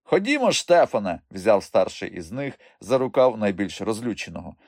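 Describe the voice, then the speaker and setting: A man narrating an audiobook with expressive storytelling. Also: fairly low pitch, normal speed, creaky, no echo, clean studio sound.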